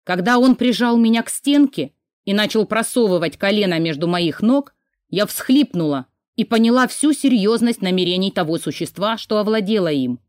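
A woman narrating a novel in the first person in a steady, measured reading. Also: medium pitch, dry recording, studio quality. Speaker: audiobook narrator.

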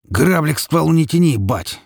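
A man voicing a dim, cruel teenage boy whose shrill voice cracks into falsetto in a spoken story. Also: expressive, normal speed, husky, dry recording, clean studio sound.

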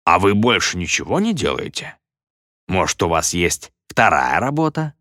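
A man voicing a smug stage magician with a slow, drawn-out, mocking showman delivery in a storybook reading. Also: sits low, big pitch swings, pushed and bright, no echo, studio quality, full character voice.

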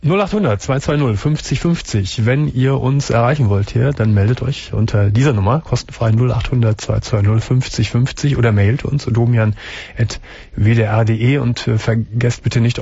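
A man's voice: mid-range voice, normal speed, mellow, slightly rough, no echo. A man hosting a late-night call-in radio show, asking callers friendly, direct questions. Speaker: radio talk show host. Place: radio studio. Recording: dull, lo-fi radio broadcast.

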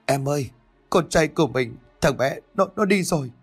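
A young father struggles to get the words out, stopping and restarting in grief, voiced by a male narrator. His voice sits a bit higher than the narration and moves a lot in pitch. Music is faint underneath. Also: animated, husky, no echo. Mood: grief-stricken. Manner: halting, broken-off phrases.

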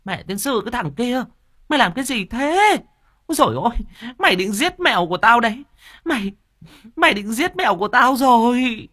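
A man voicing a cruel, shrill middle-aged stepmother who scolds fast and coaxes with fake sweetness. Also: very animated, no echo, clean studio sound. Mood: shrieking angry. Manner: rapid nagging, fake sweetness when coaxing.

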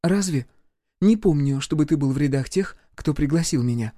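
A man's voice: a little high, lively intonation, moderate pace, mellow, dry recording, clean studio sound, voice pushed up, lightly acted. Prickly young woman, raised voice, cold and sarcastic, as a male narrator puts her on. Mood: cold sarcasm.

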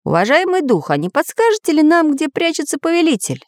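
A woman voicing a cheerful, excitable young artist for a storybook, pitched high and bouncing all over, crisp and dry with no room around him. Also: dry recording. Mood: eager. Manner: high, eager and quick.

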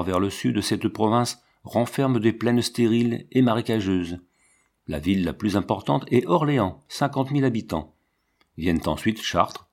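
Man with a low, measured reading voice. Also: a little mellow. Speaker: audiobook narrator. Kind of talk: scripted storybook narration.

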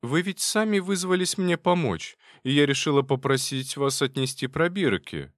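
A man lightly acts out a flustered female head nurse, pitching a little high, above his own voice, with lively intonation at normal speed. She complains indignantly in a raised voice, and the sound is clean studio audio with no echo.

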